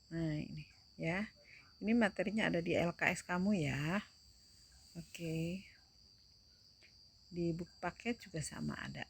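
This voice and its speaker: Slow-speaking woman teacher, gravelly voice. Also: fairly low pitch. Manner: slow, deliberate explaining with frequent checks. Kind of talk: recorded video lesson.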